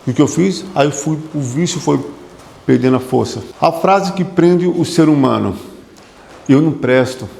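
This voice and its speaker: A man's voice: fairly high pitch, moderate pace, vocal fry, darkish tone. A man, a psychotherapist, giving an emphatic motivational talk to an audience, repeating phrases and putting questions to the room. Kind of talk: motivational lecture. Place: hall with an audience. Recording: echoey hall with long reverb.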